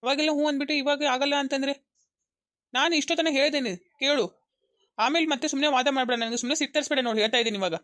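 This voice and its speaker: A woman's voice: high voice, steady tone, racing, fairly bright tone, dry recording, clean studio sound. A woman voicing a young husband caught between his wife and his mother, insistent and coaxing, repeating himself.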